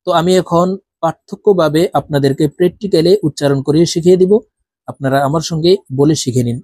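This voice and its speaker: A man teaching Quran reading, chanting Arabic letters one by one in long drawn-out tones for viewers to repeat. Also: on the high side, dark tone, slightly rough, no echo, studio quality. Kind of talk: Arabic letter pronunciation lesson.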